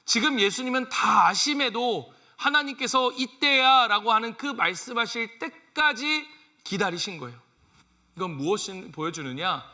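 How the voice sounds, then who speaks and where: A man's voice: high voice, moderate pace. A male pastor preaching a sermon, asking the congregation questions and acting out lines from his family life. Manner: animated, asks the congregation questions, acts out family quotes.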